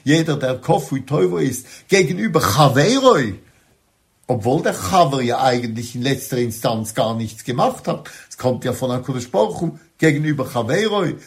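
A man teaching a religious lecture, stressing key words by slowing down and repeating phrases. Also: medium pitch, lively intonation, vocal fry.

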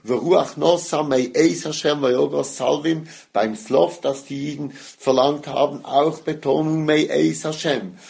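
Gravelly man giving a Torah lecture. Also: fairly high pitch, measured pace, few pauses, darkish tone. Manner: explanatory, stresses Hebrew words, mixes Hebrew and Yiddish terms. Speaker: rabbi teaching Torah.

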